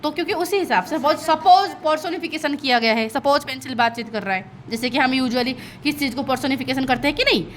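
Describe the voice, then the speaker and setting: A woman's voice: sits high, fast, hardly any pauses, slight background noise. A woman teacher explaining a lesson to her students, keeps checking "okay?", and laughs at her own slips. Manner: lively, checks understanding with constant "okay?" asides. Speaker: school English teacher. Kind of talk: online class explanation in mixed Hindi and English.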